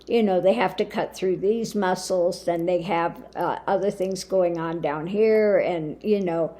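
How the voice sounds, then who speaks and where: Still recovering from throat surgery, this spiritual channel host talks to camera in a casual monologue, her voice low, mellow, lowered and limited. Her delivery is unhurried and halting, full of fillers.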